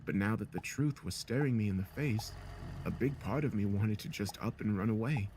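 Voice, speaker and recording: A man reading a first-person horror story as narrator in a steady, measured way. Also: on the low side, a little hiss or hum. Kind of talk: scripted narration.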